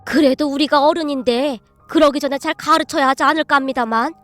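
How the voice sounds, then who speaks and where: A stern, blunt elderly grandmother, voiced by a woman narrator, speaking in formal, scolding Korean tones. Her voice sits fairly high. Quiet music hums behind her. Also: fairly quick. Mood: polite complaint.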